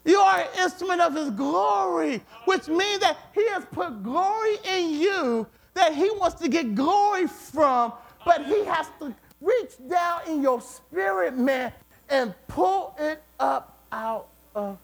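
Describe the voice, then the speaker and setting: A man preaching a sermon with emphatic repetition, at times rising to shouts. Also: very high voice, animated, slow, gravelly. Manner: emphatic, repeats words, rises to shouts.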